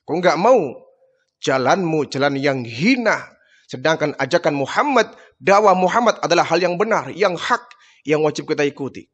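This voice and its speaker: A man's voice: on the high side, lively intonation, moderate pace, fairly bright tone, highs cut off. A man voicing a poor, devout woman who firmly defies her tormentor, within a storytelling sermon. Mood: defiant. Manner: firm, defiant declarations. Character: defiant devout poor woman, unshakable faith.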